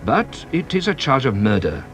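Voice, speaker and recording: A man voices a sharp-witted, playful French inspector for a British radio play, his French accent and teasing, theatrical style coming through at medium pitch. Very animated and fairly bright at a normal pace, he sounds brisk and probing, with faint music behind him.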